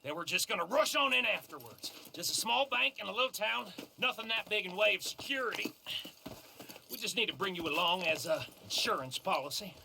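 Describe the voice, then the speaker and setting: An actor playing a rough, aggrieved outlaw henchman in a Western game, raspy and blustering. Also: high-pitched, animated, fairly quick, pushed and bright, slight background noise, heavily acted. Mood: defensive. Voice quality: raspy, gravelly. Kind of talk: video game Western drama acting.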